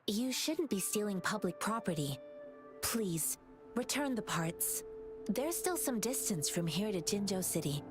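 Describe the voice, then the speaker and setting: A woman voicing a kind, principled young heroine in a game, earnest and gently scolding. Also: mid-range voice, big pitch swings, unhurried, over music.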